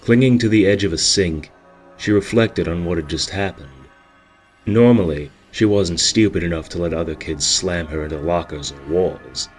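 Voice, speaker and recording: A man giving a steady, measured storybook narration. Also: low voice, soft background music.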